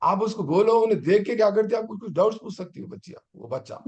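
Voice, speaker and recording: A man's voice: sits high, animated, fast, a little mellow. A middle-aged man, a teacher trainer giving an online exam-prep lecture and urging his students on with rhetorical questions.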